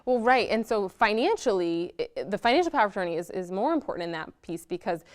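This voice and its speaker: A woman attorney, a guest in an interview, briskly explaining legal options point by point. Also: medium pitch, expressive. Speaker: estate planning attorney, guest.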